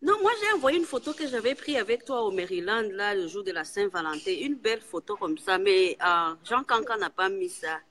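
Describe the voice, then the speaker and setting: A woman's voice: medium pitch, lively intonation, a little fast, hardly any pauses, fairly bright tone. A woman from Burundi on a video call from her workplace, giggling and stumbling over words. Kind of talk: casual video call chat. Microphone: phone on a video call.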